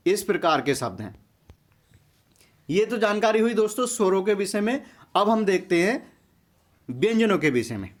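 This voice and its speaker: A man teaching a grammar lesson for exam preparation, explaining step by step and often turning to his viewers as friends. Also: high voice.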